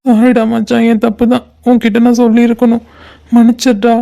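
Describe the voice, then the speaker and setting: A woman's voice: a little high, little pitch movement, fairly quick, gravelly, dark tone. A woman voicing a heartbroken young man in a cartoon, talking in a despairing, pleading way to his best friend. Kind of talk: cartoon voice acting.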